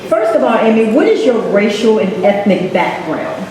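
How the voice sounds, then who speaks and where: A woman with a slightly high voice leads a community panel discussion. She talks in a brisk, upbeat way. Her voice echoes around a large hall with a faint hum behind it. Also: very animated, mellow. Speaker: panel moderator. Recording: echoey hall, room mic.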